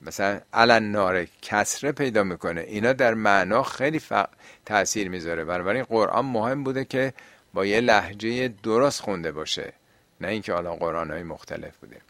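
A man with a fairly low voice explains religious questions in a question-and-answer talk. He often puts rhetorical questions to his listeners. The recording is close and dry, with no room sound. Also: fairly bright tone, dry recording.

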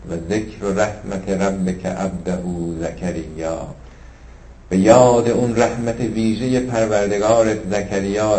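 A man with a fairly low voice preaches with fervor. He rises to loud, impassioned passages, then drops to hushed asides, and draws out scriptural quotations slowly. The recording carries a roomy echo. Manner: shifts between fervent raised passages and hushed asides, slowly intoning scripture. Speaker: religious lecturer. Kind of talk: sermon.

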